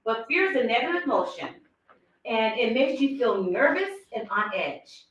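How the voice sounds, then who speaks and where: A woman's voice: on the high side, very animated, moderate pace, fairly bright tone, heavy reverb, distant mic, muffled recording. A woman giving a motivational talk to her sales team, acting out quoted thoughts and laughing often.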